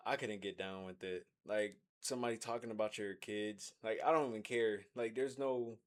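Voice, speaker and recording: A man's voice: on the low side, steady tone, normal speed. An American man co-hosting a movie discussion, reacting in a casual, slangy, conversational way. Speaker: co-host reacting to a film recap. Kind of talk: casual chat.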